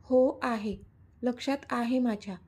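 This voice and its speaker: A bashful young woman, as a woman narrator does her, soft-spoken and gently amused in a storybook reading. Her tone is mellow and breathy, fairly high. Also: fairly even intonation, measured pace. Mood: shy, amused.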